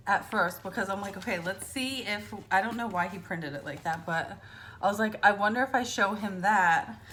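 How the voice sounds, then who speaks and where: A young woman talks casually to her camera in a vlog. She tells a long personal story, filling it with fillers and acting out the quoted lines. Her voice sits at an ordinary middle pitch. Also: fairly bright tone. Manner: chatty, storytelling with lots of fillers and acted-out quotes. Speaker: vlogger.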